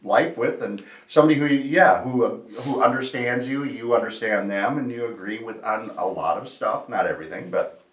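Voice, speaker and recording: A man's voice: medium pitch, normal speed, recorded from a distance. A man chatting casually while his mouth burns from spicy food. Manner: talking through a mouth burning from spicy food. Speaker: radio personality, challenge guest. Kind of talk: casual chat. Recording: echoey room, off the mic.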